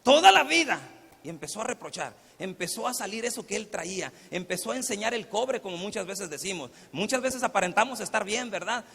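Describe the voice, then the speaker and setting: A man's voice: high voice, gravelly, a bit bright, breathy edge, big-room sound. A male pastor preaching a sermon in a church, telling the story conversationally and often asking rhetorical questions. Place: church sanctuary.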